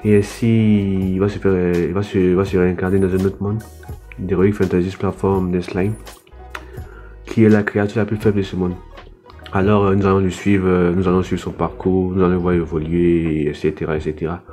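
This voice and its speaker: A man's voice: sits low, level tone, normal speed, warm tone, faint music behind. A young French man reviewing anime casually, hesitant, with frequent fillers and restarts. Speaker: anime YouTuber.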